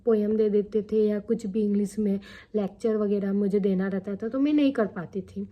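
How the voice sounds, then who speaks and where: In this casual vlog with dull audio, a young adult woman talks to the camera at a moderate pace, her medium-pitched voice steady in tone. She's chatty and candid, frequently adding "theek hai" and "hai na" to check in with viewers.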